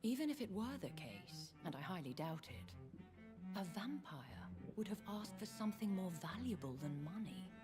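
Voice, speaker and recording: A woman's voice: mid-range voice, sing-song, normal speed, close to an everyday voice. An actress playing a poised, guarded aristocratic female vampire who speaks in formal, elegant phrases. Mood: composed. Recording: game audio with loud music underneath.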